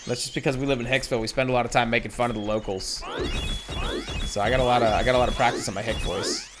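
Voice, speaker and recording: A man's voice: mid-range voice, wildly swooping pitch, quick pace. A man giving casual, rambling and self-deprecating commentary while streaming a game. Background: game music.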